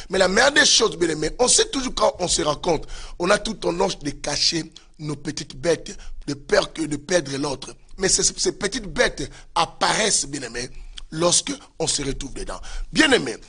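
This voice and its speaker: Male pastor, fervent sermon delivery, high bright voice, slightly husky. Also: sing-song, moderate pace. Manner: fervent preaching with repeated direct address to listeners.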